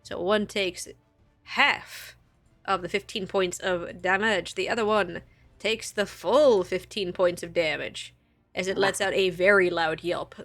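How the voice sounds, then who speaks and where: Faint music plays behind a woman running a tabletop game as game master. Her voice is lowish, steady, a bit bright and a little slow, and she narrates casually, laughing easily between rules calls.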